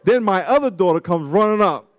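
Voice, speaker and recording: Animated forty-year-old man preaching. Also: fairly quick. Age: 40s. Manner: animated and conversational, swinging from loud highs to low asides; slangy, storytelling. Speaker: pastor. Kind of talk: sermon with scripture reading.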